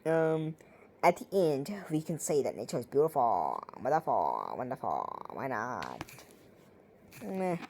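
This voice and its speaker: A woman's voice: rumbling low, wildly swooping pitch, measured pace, creaky, darkish tone, slightly rough, rough recording. A woman reading poems aloud and reviewing them in casual commentary, with sarcastic, playful, ranting asides. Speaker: poetry reviewer.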